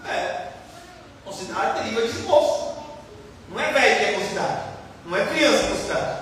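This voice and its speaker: A man preaching a lively sermon as a pastor, asking the crowd questions and acting out quotes. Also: sits high, moderate pace, slight background noise. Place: church hall. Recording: echoey hall from far off, faint ambience.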